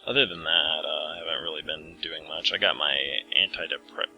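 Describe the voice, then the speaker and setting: A man's voice: a bass voice, fairly even intonation, moderate pace, sharp tone, faint music behind, rough recording. A man hosting a let's play with casual, rambling, self-deprecating game commentary.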